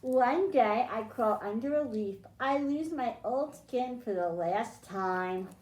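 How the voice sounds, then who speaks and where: A children's librarian leads storytime, reading aloud and explaining science simply to young listeners, asking them questions as she goes. Her voice sits on the high side, a little mellow, and she takes her time. The sound is roomy and echoing, as in an indoor space.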